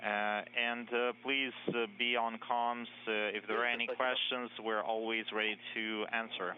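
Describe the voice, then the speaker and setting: A man's voice: mid-range voice, flat delivery, a little slow. Hesitant man over a sci-fi communicator radio. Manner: hesitant, with frequent fillers. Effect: crackly radio transmission like a sci-fi communicator. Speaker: interpreter on mission radio loop. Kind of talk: live interpretation of space radio. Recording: tinny radio loop with crowd noise.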